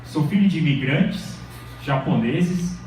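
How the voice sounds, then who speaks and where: A middle-aged Brazilian man lecturing at a university speaks slowly with lively intonation, keeping things chatty and checking in with listeners. His voice is a little high and somewhat mellow. The distant recording is very echoey, from a large hall, with slight background noise.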